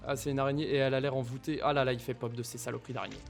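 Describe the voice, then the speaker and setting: A man's voice: mid-range voice, level tone, rapid-fire, gravelly, faint music behind. A man giving casual commentary on his Minecraft playthrough, talking to the mobs and to viewers, repeating nervous exclamations in tense moments. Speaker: gaming YouTuber.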